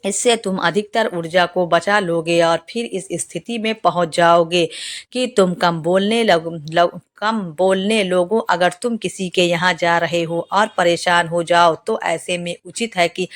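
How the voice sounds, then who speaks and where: Calm low-voiced woman telling a story. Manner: calm, even storytelling with occasional restarts. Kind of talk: narrating a motivational story.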